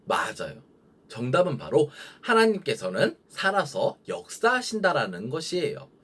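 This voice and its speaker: Husky sing-song children's preacher, man. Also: a little high, huge pitch swings, normal speed, fairly bright tone. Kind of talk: children's sermon.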